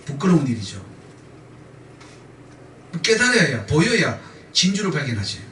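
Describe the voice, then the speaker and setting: A man's voice: on the high side, very animated, a little slow, sharp tone, a little hiss or hum. A male pastor preaching a sermon with emphatic repetition, leading the congregation in call-and-response. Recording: echoey church sound from a distant mic.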